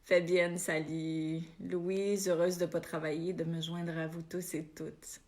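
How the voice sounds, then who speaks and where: A woman's voice: on the low side, flat delivery. A woman with a Québécois accent hosting a casual live stream from home, greeting viewers by name with frequent hesitations. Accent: Québécois French. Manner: unhurried, warm-hearted greetings with frequent euh fillers.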